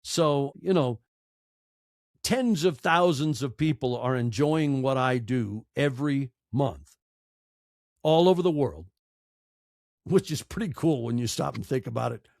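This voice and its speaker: A man's voice: medium pitch, a little slow, vocal fry, long pauses, darkish tone, no room sound, studio quality. A middle-aged American man giving candid, conversational interview answers in an earnest, emphatic, emotional way. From United States. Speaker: interview guest, audiobook narrator and podcaster.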